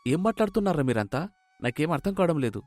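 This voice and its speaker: A man voicing a humbled young husband in an animated storybook, speaking in a resolute, chastened way. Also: a little high, fast talker, dry recording. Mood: downcast. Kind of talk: storybook voice acting.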